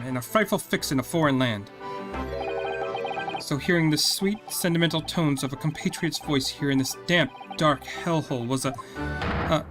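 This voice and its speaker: A man's voice: on the high side, natural voice. A man voicing a theatrical, jittery Japanese poet held in prison, who talks in florid alliteration. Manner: florid, alliterative, dramatic declaiming. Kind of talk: reading game dialogue aloud. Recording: game music playing behind.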